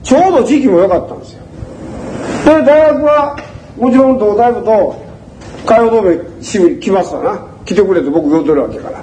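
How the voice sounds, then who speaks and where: Older Kansai man, lively storyteller. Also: high voice, brisk, slight background noise, low-quality recording. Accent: Kansai (Osaka). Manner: animated, acts out voices in quoted dialogue. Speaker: speaker recounting community organizing. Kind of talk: conversational storytelling lecture.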